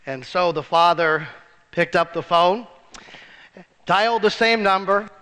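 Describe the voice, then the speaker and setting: A man's voice: high-pitched, measured pace, pushed and bright, clean tone. A man preaching a sermon as pastor, telling a joke story with acted voices and rising sharply for emphasis. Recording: reverberant church hall.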